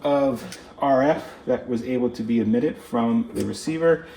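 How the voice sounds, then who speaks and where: A man in a hands-on electronics video offers unscripted, casual commentary, thinking aloud during his inspection and occasionally trailing off. His voice is mellow and medium-pitched at a moderate pace. Room ambience and background noise are clearly present.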